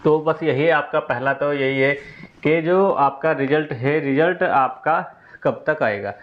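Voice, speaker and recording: Speaking at a measured pace, a man with a somewhat high voice gives students an informal rundown of exam updates, taking each step in turn and repeating the important points. The audio is dull.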